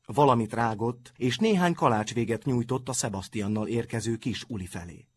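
A man narrating an audiobook in an even storytelling manner. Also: mid-range voice, slight background noise.

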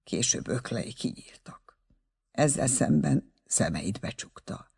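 A man narrating an audiobook with expressive storytelling. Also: mid-range voice, vocal fry, slightly rough.

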